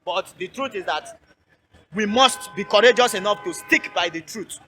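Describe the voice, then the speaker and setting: Impassioned Nigerian man, high bright voice. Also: normal speed, faint music behind. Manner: impassioned, emphatic, repeats key phrases. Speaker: interviewee. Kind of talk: roadside street interview. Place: outdoors by a road.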